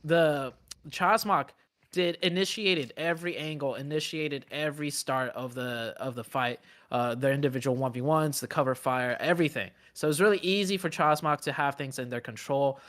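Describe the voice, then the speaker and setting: A man giving analytical esports commentary in an explanatory, measured way with some fillers. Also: a little high, a bit bright. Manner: explanatory, measured, uses fillers like you know.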